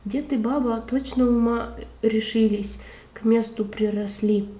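A woman reading a children's fairy tale aloud in an expressive, measured, folksy way. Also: a little high, echoey room, low-quality recording.

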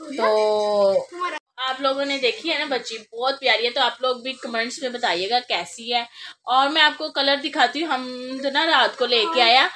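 A woman's voice: high voice, moderate pace, bright, forceful tone, slight background noise. A young woman chatting casually in a home vlog, doting and often laughing, recorded on a phone camera indoors. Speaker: vlogger.

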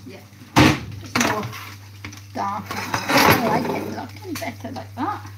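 A woman's voice: fairly high pitch, big pitch swings, takes it slowly. A woman, chatting casually to her live viewers while she cooks in her home kitchen. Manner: chatty, talks to viewers while busy at the stove. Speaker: cooking livestream host. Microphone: phone camera close by on the counter. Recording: kitchen noise, pans sizzling behind.

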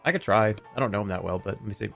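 With faint music playing behind him, a thirtysomething man rambles through casual livestream chatter from home, talking very fast in a low, creaky voice. He's animated, swears constantly and uses a desk mic.

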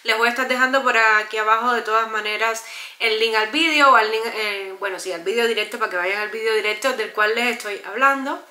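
A woman's voice: fairly high pitch, fairly quick, bright, forceful tone. A young Cuban woman with a Cuban Spanish accent, talking earnestly and emphatically to her viewers in a casual vlog. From Cuba. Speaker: vlogger. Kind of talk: casual vlog talk to camera. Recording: echoey room.

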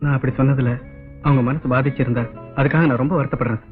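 A man's voice: medium pitch, fairly even intonation, fast, lightly acted. An actor playing a reserved, polite young writer who keeps his distance. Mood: apologetic. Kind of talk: 1980s Tamil film dialogue. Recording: tinny old film soundtrack with faint music.

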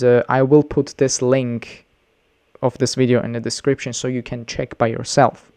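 A man's voice: medium pitch, darkish tone. A male English teacher talking through a reaction video in a loose, rambling way, full of restarts and fillers. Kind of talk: reaction commentary.

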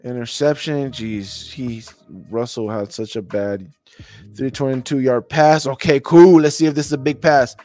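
Mellow and mid-range, a man's voice moves at a moderate pace as he mutters his way through game film. The podcast host thinks aloud, repeats phrases and talks to himself while giving a casual film breakdown for a live stream audience.

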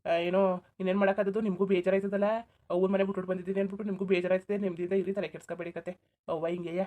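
A woman voicing a calm, reasonable young village woman in a cartoon, soothing and reasoning with a rural Karnataka Kannada accent. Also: fairly low pitch, racing, natural voice. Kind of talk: cartoon voice acting.

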